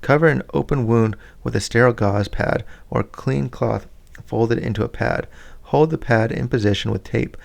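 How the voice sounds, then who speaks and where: A man reads a first-aid manual aloud in a steady, unhurried way, now and then stumbling and restarting a word. His voice sits at a middle pitch and carries a strong gravelly fry throughout. He breaks off briefly to comment on the text. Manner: plain, steady read with small slips and restarts. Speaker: reader of a scout handbook.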